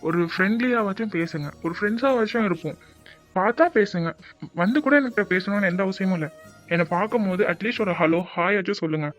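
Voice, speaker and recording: A man's voice: high-pitched, fast, fairly bright tone. A man voicing a polite young man in a cartoon who pleads earnestly to make peace with a friend. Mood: pleading, polite. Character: young man Karthik, polite, remorseful co-worker. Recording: dull lo-fi audio with music bed.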